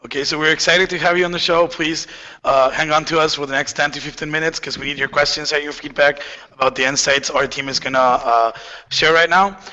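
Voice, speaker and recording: A man's voice: a little high, steady tone, fairly quick, bright, forceful tone. A man hosting an online show, giving upbeat introductions and questions. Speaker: show host. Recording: dull lo-fi sound with long reverb.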